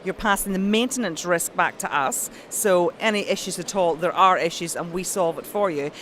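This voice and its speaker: A woman's voice: fairly low pitch, moderate pace, a bit bright, slight background noise. A woman with a Belfast accent, an account manager being interviewed at a trade show, speaking in an upbeat, polished manner. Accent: Northern Irish, Belfast. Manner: upbeat, enthusiastic, polished phone-style voice.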